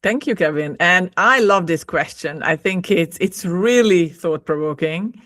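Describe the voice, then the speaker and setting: In a casual conversation on a podcast, joined via video call, this Hungarian woman speaks with her native accent, laughs a lot, and repeats words eagerly. Her fairly low, slightly bright voice is expressive and measured, with echo-free studio quality.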